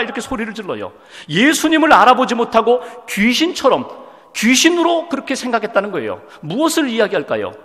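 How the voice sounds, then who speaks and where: A man's voice: sits high, fairly bright tone. A male pastor preaching a sermon in a church, asking the congregation questions as he goes. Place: church sanctuary. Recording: long hall reverb.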